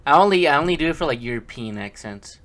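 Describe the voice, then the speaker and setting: A man's voice: a little high, animated, fast, a bit bright. A man casually reading a film script aloud in a rambling, chatty way, with many fillers and asides to himself. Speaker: hobby script reader.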